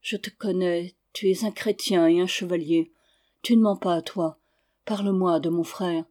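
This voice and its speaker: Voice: mid-range voice, steady tone, normal speed, a little mellow, lightly acted. An audiobook reader voicing a dying old duke who speaks in short, breathless phrases. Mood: earnest. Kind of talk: audiobook reading.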